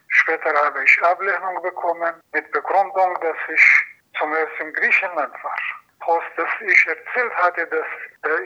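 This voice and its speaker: A man giving a personal testimony as an asylum seeker, in halting, phrasing with frequent restarts. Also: a little high, sharp tone. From Iran. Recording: dull lo-fi recording.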